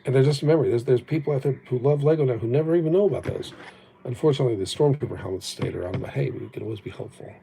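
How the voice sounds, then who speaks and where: Speaking very fast in a gravelly, dark-toned voice of medium pitch, a Japanese-born man rambles on his livestream, musing and making fun of himself. The old phone gives poor audio with a little hiss or hum.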